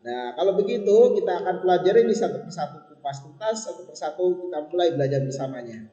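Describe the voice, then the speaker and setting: A young male teacher explains a lesson in a patient, instructive way, often pausing to check that his pupils are following. His voice sits a little high, with long reverb ringing through the room. The recording is dull and lo-fi. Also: lively intonation, mellow. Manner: patient, instructive, repeats points and checks with students. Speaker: religious school teacher.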